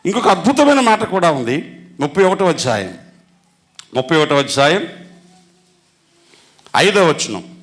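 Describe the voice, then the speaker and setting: A man with a Telugu accent preaching a sermon as pastor, asking the congregation questions and moving between loud emphatic lines and soft low ones. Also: sing-song, a little slow, pauses often.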